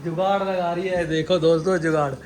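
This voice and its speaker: High-pitched exclamatory Punjabi man, food vlogging. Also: flat delivery, a little fast, a little mellow, slight background noise. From Punjab, India. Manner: exclamatory, repeats catchphrases to viewers. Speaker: vlog host. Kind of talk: casual home food vlog chat.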